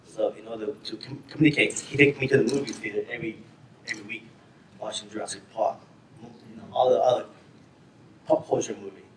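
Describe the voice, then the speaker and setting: A man's voice: fairly low pitch, fairly even intonation, fairly quick, a little hiss or hum. Man, from Thailand, raised in Florida, film director, casual rambling, festival Q&A, distant mic, roomy echo. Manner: casual, rambling, laughs often. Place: screening venue with audience. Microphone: far from the mic. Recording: echoey room, heard from a distance.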